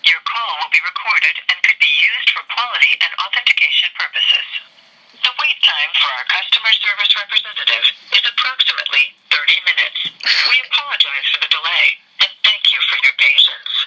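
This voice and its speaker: A woman speaking as a recorded phone message, reading scripted menu prompts in a polite, even, measured way. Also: fairly low pitch, husky, rough recording. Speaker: automated bank phone system voice.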